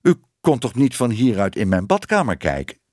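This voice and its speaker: A man voicing a flustered, excitable baker's wife who talks breathlessly. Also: mid-range voice, moderate pace, no room sound, clean studio sound.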